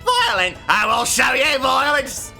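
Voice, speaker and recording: A man putting on a brash young thief girl with a mock Australian accent, shouting high and loud, bright cutting tone. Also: wildly swooping pitch, unhurried, vocal fry, soft background music, full character voice. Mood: angry.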